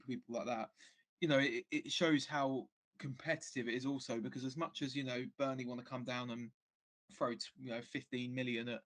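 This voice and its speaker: Brief: man of middling pitch, casual fan guest, halting delivery with lots of restarts. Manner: hesitant, many restarts and fillers. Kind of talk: casual football chat.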